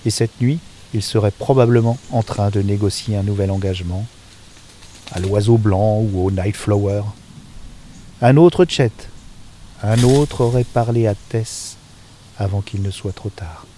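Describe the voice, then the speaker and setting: A man with a low, mellow voice reads a novel aloud in a calm, intimate way. His phrases often sink into a hushed finish. Faint birdsong and insects murmur behind him outdoors. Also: measured pace, slight background noise. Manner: calm, intimate narration with soft, quiet trailing endings. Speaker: reader. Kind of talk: audiobook-style reading of a novel. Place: outdoors in nature.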